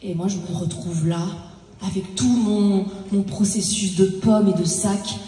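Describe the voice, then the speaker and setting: A woman performing a comic stage monologue, telling her story haltingly and acting out her own lines of dialogue. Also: mid-range voice, steady tone, mellow, soft background music. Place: stage in a large hall. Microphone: handheld stage mic. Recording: echoey hall, mic at a distance.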